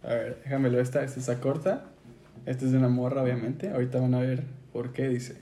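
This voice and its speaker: A man's voice: medium pitch, level tone, fast, warm tone, a little hiss or hum. A young man with a Mexican Spanish accent, a podcast co-host telling anecdotes in slangy, joking casual chat. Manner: slangy, jokey, acts out quoted voices. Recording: echoey room.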